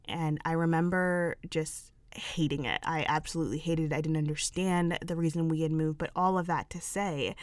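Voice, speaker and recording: Woman podcast host from England, low voice, candid and reflective, chatty with fillers, dry close-mic sound. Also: dry recording. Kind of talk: solo podcast monologue.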